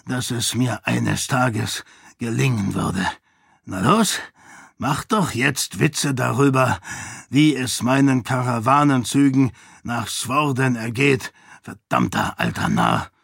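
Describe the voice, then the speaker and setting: A man's voice: medium pitch, lively intonation, slow, creaky, fairly bright tone, breathy edge, dry recording, clean studio sound, full character voice. A man voicing a fat, arrogant, impulsive count in an audiobook, speaking in a mocking, gloating way.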